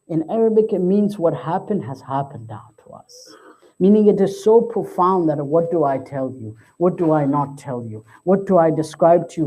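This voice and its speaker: Impassioned man giving a mourning sermon. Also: warm tone. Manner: impassioned, voice climbing high in grief, quoting Arabic. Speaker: majlis speaker.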